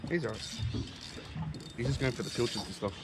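A laid-back man in his thirties talks casually through a fishing trip, easygoing and chatty. His mid-pitched voice is caught on an action camera out on the water, with steady wind and water noise clearly audible behind him. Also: fairly quick. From Australia. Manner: relaxed, laid-back, chatty with frequent ums. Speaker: fishing vlogger host. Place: outdoors on a small boat on a harbour.

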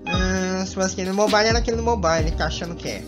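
A man's voice: high voice, fast talker. A Brazilian man hosting a game, joking and teasing his viewers in playful commentary. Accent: Brazilian Portuguese. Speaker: gaming channel host. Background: music.

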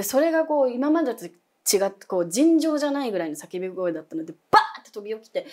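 Japanese woman telling a ghost story, lively pitch. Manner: dramatic, drops to whispers, acts out voices. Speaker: guest storyteller.

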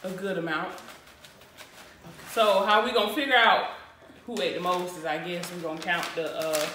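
A woman's voice: on the low side, fairly even intonation, moderate pace. A young woman chatting informally and colloquially as a vlog host. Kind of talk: casual chat. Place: indoor living room, around a table. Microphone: distant camera. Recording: echoey room, far mic, faint noise.

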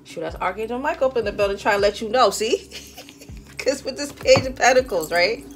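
A woman's voice: fairly high pitch, normal speed, music in the background. Chatty woman giving a tarot reading. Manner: chatty, animated, laughs often, talks straight to the viewer. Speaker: tarot reader.

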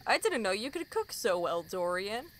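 In an audio drama, a woman plays a friendly, curious young adventuring companion. She is very animated, speaking at a moderate pace in a medium-pitched, fairly bright voice, with a little hiss or hum in the recording.

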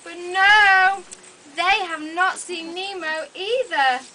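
Telling a story live to young kids, this puppet show narrator speaks slowly in a very high, pushed, bright voice. She keeps phrases short and simple, exclaims often, and asks the children questions. The noisy recording comes from a camera microphone among the audience in an open-sided thatched hall.

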